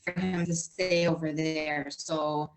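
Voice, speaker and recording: A woman's voice: sits low, little pitch movement, slow pace, poor audio. A woman co-hosting a podcast in casual chat, talking hesitantly and trailing off with many fillers. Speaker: podcast co-host.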